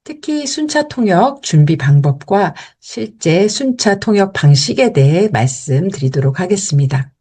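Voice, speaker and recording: A woman who interprets sermons, calmly and carefully explaining how she prepared for interpreting a church service. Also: fairly low pitch, slightly rough. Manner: measured and careful, even explaining. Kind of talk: explanatory talk.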